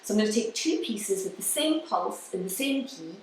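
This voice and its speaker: A woman who is a musician delivers an explanatory live lecture with demonstrations, her medium-pitched voice expressive as she pauses haltingly and counts beats out loud. The setting is an indoor room with listeners present. A far-off mic captures lots of reverb and slight noise.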